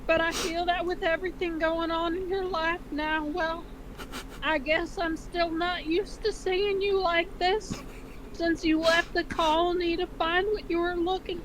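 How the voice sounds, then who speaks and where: Noisy home recording of a woman playing a high-voiced cartoon meerkat mother. She dotes on her child but speaks haltingly, with an anxious, slightly tense edge. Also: flat delivery. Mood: hesitant, uneasy. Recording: clearly noisy amateur recording.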